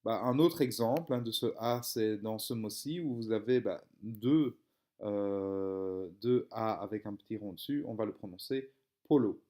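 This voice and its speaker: A man's voice: on the low side, unhurried, darkish tone. A young man, explaining a reading lesson step by step, with frequent hesitations and fillers. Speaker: teacher.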